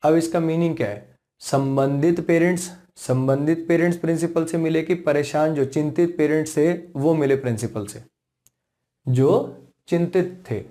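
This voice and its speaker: A man with an Indian accent teaches English grammar in a classroom, his voice a little high and warm. He explains patiently, repeats himself and keeps checking that his students are following. When spelling out English example sentences, he slows right down.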